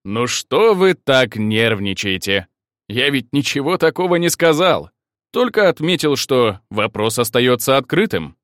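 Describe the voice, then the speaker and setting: A man's voice: medium pitch, big pitch swings, a little slow, fairly bright tone, no echo, studio quality. A man doing a teasing guard commander. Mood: drawling. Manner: teasing, laughing, drawling. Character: mocking male guard commander, brash teaser.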